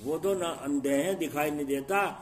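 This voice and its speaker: Middle-aged guy giving a sermon, kinda high voice, keeps asking the crowd questions, acts stuff out loud then soft. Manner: rhetorical questions to the congregation, acts out scenes with sharp shifts in loudness. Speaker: preacher. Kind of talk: Islamic sermon.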